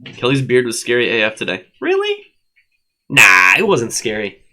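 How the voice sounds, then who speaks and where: A man's voice: mid-range voice, brisk, bright, forceful tone. A man co-hosting a live online show, chatting casually, teasing and laughing often. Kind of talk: casual banter. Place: at a desk at home with a dog.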